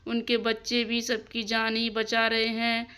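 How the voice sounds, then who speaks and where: A woman's voice: fairly high pitch, completely flat delivery, measured pace, bright, forceful tone, clear, resonant tone. A woman voicing a caring village mother in a doll story, soothing and given to worried exclamations. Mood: comforting. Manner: soothing, fussing, exclaims often.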